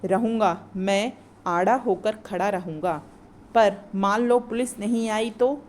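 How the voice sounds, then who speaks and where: A woman's voice: mid-range voice, takes it slowly, a little mellow, slight background noise, natural voice. A woman reading as a worried lamp post. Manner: read aloud plainly from the play.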